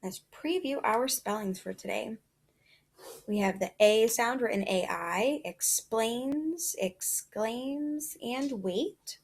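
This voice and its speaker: A woman teaching a reading lesson to young children in an encouraging, sing-song classroom manner. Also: on the high side.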